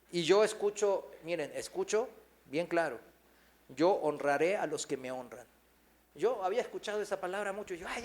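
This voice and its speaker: A male pastor, preaching a sermon full of rhetorical questions to his congregation. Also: sits high.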